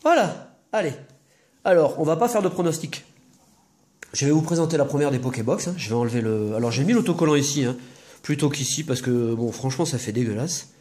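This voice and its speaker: Opening trading-card boxes on video, this host talks fairly quickly in a medium-pitched voice with a darkish tone. His manner is chatty and meandering, full of joking side comments to the audience.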